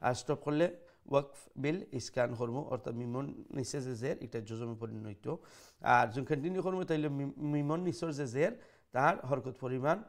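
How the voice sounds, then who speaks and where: A middle-aged man teaching Quran recitation, chanting verses slowly and explaining pronunciation in mixed with English. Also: medium pitch.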